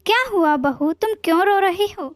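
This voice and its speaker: A woman voicing a kind, caring older mother-in-law who speaks gently. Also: very high-pitched, normal speed, no echo, clean studio sound.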